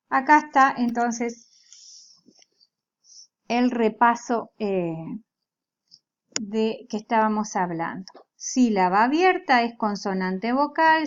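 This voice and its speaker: Female language teacher, unhurried and methodical, voice a bit high, muffled lo-fi audio. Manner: slow, patient, explains step by step. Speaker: Biblical Hebrew teacher. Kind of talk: recorded lecture. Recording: dull lo-fi recording.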